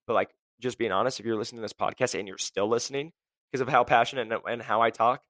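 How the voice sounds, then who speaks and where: A young man hosting a career podcast, blunt and high-energy, packed with "like" and "right?". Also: steady tone, fast talker, fairly bright tone, no room sound. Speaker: podcast host. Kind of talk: motivational career podcast talk.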